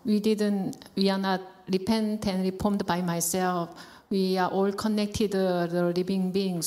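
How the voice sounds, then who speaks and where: Lady, slow and hesitant, low mellow voice, polite. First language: Korean. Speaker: student.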